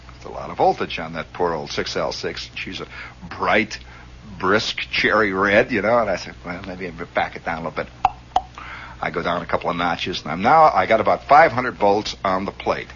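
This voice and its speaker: A man telling a story in a radio monologue, animated and chuckling as he acts out the scenes, on a dull lo-fi recording. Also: sits low, moderate pace, slight background noise.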